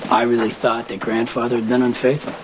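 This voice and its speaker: A man's voice: mid-range voice, little pitch movement, fast, a little hiss or hum, close to an everyday voice. A man playing a stubborn, defensive young man. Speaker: grandson in legal trouble. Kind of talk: soap opera acting.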